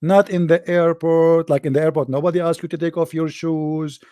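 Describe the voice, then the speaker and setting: A man's voice: a little high, steady tone, moderate pace, dark tone, clean tone, no echo. Sarcastic Arabic-accented man, dry close sound. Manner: sarcastic, mocking. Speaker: religious debater. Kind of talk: online debate talk.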